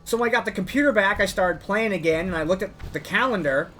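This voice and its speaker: Over music, a man talks fast, rambling through long stories stuffed with "like" as he plays. The gamer narrates his own run in casual storytelling style and says his voice is higher than a deep bass beat.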